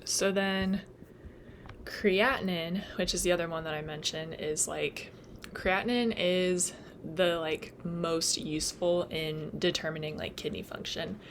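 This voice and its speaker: Her voice is fading as this young adult nursing student tutor gives a casual study lecture, chatting through the material with plenty of "like" and "um" and laughing at her slips. She speaks at a measured pace with a steady tone and fairly low pitch, over slight background noise.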